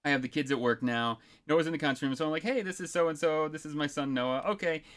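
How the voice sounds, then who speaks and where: A man with a slightly higher voice chats on a casual podcast, rambling through stories with plenty of fillers. He keeps breaking into laughter as he talks. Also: quick pace. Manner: rambling storyteller, laughs often, many fillers. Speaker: podcast co-host.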